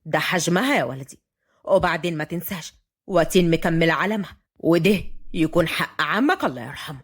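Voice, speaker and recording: A woman's voice: lowish voice, lively intonation, fast talker, voice pushed down. A woman voicing a strict old grandfather who heads the family, speaking in a stern, commanding way with an Upper Egyptian accent. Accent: Upper Egyptian Arabic.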